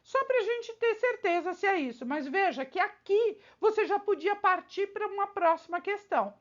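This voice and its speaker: A woman teacher going through exam questions for her students, talking straight to the viewer with frequent rhetorical questions. Her voice sits very high and swoops a lot. The recording sounds a little dull and lo-fi. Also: expressive, moderate pace. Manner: talks straight to the viewer, with many rhetorical questions and check-ins. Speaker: teacher preparing students for civil service exams. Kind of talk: exam-prep lesson.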